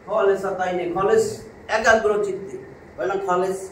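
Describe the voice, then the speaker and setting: A man's voice: high voice, steady tone, moderate pace, fairly bright tone, slight background noise. Man teaching in a very echoey room. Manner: explains word by word, repeating terms. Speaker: religious teacher. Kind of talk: classroom Quran lesson. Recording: very echoey room recording from a distance.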